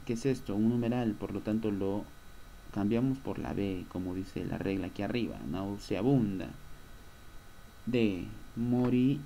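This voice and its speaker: A man's voice: on the low side, a little slow, creaky, warm tone, a little hiss or hum. A male schoolteacher giving a recorded lesson, patiently explaining and answering his own questions. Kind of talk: recorded online class lesson.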